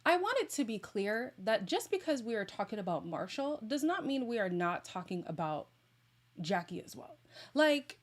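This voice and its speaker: A woman with a mid-pitched voice hosts a casual livestream. She is sassy and opinionated, leaning hard on her points as she talks straight to her viewers. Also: big pitch swings, normal speed. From Toronto, Canada. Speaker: livestream host.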